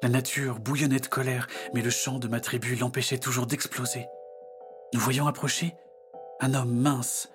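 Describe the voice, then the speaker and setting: A man reading a storybook tale as narrator with steady, vivid telling. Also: mid-range voice, normal speed, music in the background.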